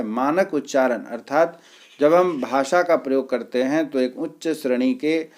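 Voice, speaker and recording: A man teaching an exam-prep lecture, explaining step by step with pauses and filler sounds. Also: medium pitch, a little mellow.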